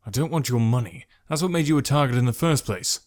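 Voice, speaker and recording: A man voicing a calm, curt young male archer in an audiobook, speaking dry and clipped. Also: medium pitch, fast, no echo, close to an everyday voice. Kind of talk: audiobook character voice.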